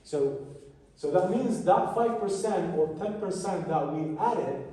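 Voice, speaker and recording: A man lectures a class in a fairly high, mellow voice, stopping and restarting his phrases as he explains. He sounds set back from the mic in a big, strongly echoing room, with a faint hiss underneath. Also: lively intonation, recorded from a distance. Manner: halting, repeats and restarts phrases while explaining. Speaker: biochemistry lecturer.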